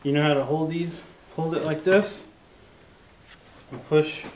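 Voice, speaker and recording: A middle-aged man patiently teaching a boy to drive screws, talking calmly in a large barn. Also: a little high, unhurried. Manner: calm, coaching, gentle. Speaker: farmer teaching a boy carpentry. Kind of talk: patient step-by-step instruction. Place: large metal barn, indoors. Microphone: camera mic, varying distance. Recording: noisy barn, drill sounds.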